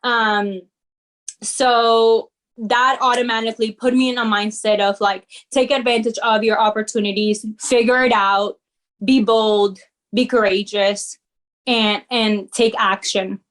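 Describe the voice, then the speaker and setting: A young woman from Peru whose first language is Spanish, speaking fairly high as a guest on an interview show. She sounds energetic and determined and talks freely in a casual way. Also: a little slow. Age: young adult. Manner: energetic, determined, with frequent fillers and restarts.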